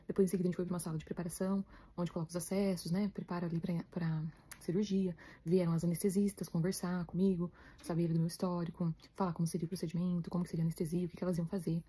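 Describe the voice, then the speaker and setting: A Brazilian woman with a Brazilian Portuguese accent, chatting to her viewers in a rapid, emotional way as she retells her story. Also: lowish voice, little pitch movement, warm tone, husky. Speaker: vlogger, new mother.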